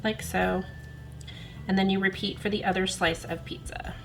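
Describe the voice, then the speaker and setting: A woman's voice: medium pitch, fairly even intonation, moderate pace, gravelly, soft background music, low-quality recording. Chatty woman cooking at home. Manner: chatty, self-deprecating, talks while working. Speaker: cooking channel host. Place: home kitchen.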